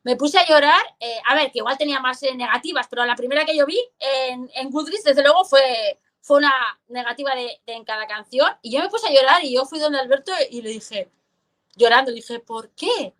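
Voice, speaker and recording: A woman with a high voice speaks fairly quickly as a guest writer in a casual video-call interview. She's expressive and chatty, frequently restarting her sentences and using fillers.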